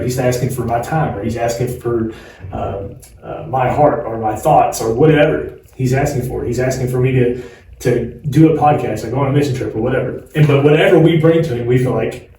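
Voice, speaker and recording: Here a forties-aged male podcast co-host rambles through casual chat, laughing often, in a dark, mid-range voice. It's captured by a faraway mic in a reverberant room with faint hiss underneath.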